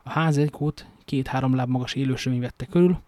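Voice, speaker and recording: A man's voice: mid-range voice, warm tone, dry recording. A man reading a novel aloud, stumbling now and then and adding casual joking asides. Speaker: amateur reader.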